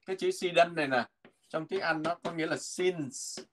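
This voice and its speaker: A man teaching a language lesson from a textbook, patiently repeating words slowly so learners can follow. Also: a little high, fairly bright tone, slight background noise.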